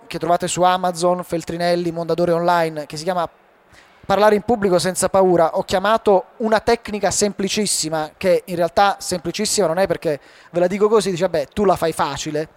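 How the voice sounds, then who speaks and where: A man giving a live talk on public speaking to an audience, animated and asking them rhetorical questions. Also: high voice, fairly quick, no room sound. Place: hall before a live audience.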